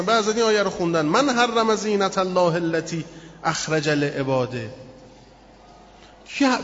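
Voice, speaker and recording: A male preacher giving an expressive sermon that tells a story, acting out the lines of the people in it. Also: sits high, a little hiss or hum. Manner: expressive, acts out quotes in the story. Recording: echoey hall, muffled sound.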